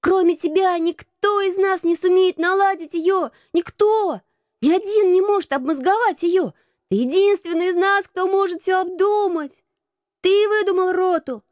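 Woman doing shrill eager street boys. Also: moderate pace, a little mellow, no room sound, studio quality. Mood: pleading. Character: eager young street boys, proud and pleading. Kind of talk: audiobook character voice.

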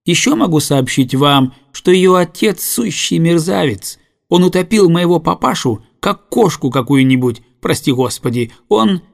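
A man's voice: a little high, expressive, unhurried, vocal fry, few pauses, pitched above the performer's own voice. A man voicing a sly male tavern keeper's son who gossips in a raised, fawning voice. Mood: indignant.

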